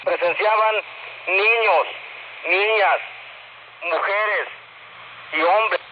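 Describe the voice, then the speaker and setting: A man dictating an incident report over a two-way radio as a police officer, haltingly and repeating phrases. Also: high-pitched. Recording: dull, noisy two-way radio transmission.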